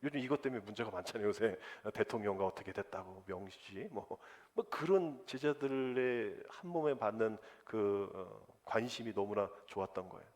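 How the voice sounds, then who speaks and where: A man preaching a sermon as pastor, lively and conversational, acting out the voices of people he quotes. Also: on the low side, moderate pace, hardly any pauses. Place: church sanctuary. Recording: long church hall reverb.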